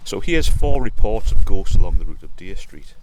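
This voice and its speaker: A man's voice: sits low, very animated, normal speed, noisy background. A man hosting a podcast, speaking in an informative, chatty way with the odd digression, recorded on a handheld dictaphone while standing outdoors in a sunny field. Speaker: podcast host. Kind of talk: podcast narration of local ghost stories and history.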